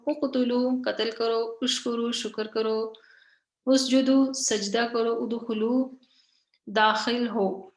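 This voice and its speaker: Echoey, repetitive woman teacher. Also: a little high. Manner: repeats points, frequent "theek hai" checks; slow, drawn-out reading of example words. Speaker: Quran grammar teacher. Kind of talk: online lesson explaining slides.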